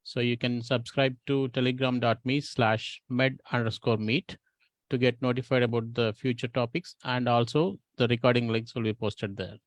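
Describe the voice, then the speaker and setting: A man's voice: medium pitch, flat delivery, moderate pace, dry recording. Dry-sounding male organiser. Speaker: webinar organiser. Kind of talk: informational announcement.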